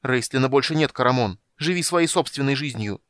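A man's voice: animated, moderate pace, a bit bright, dry recording, natural voice. A man reading an audiobook, voicing an impulsive, passionate young woman in a raised voice. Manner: raises pitch to voice a young woman, earnest and emotional. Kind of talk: audiobook character voice.

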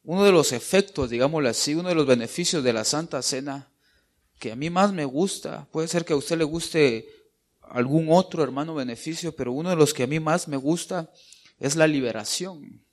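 A man's voice: a little high, normal speed. A man preaching a sermon in a conversational way, often calling the listener brother and checking in with tag questions.

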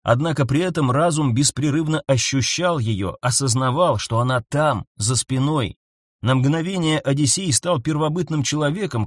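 A man narrating a science-fiction audiobook in a tense, measured reading style, recorded close to the mic. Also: mid-range voice, dry recording.

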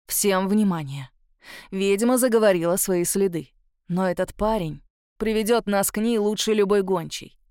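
A woman's voice: medium pitch, moderate pace, darkish tone, smooth, dry recording, clean studio sound, close to an everyday voice. A woman voicing a stern male healer who gives muffled, commanding orders.

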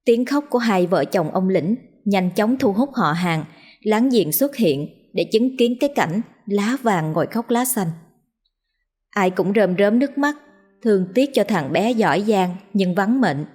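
A woman narrating a ghost story in a steady, dramatic reading voice. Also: mid-range voice, measured pace, breathy edge, faint music behind.

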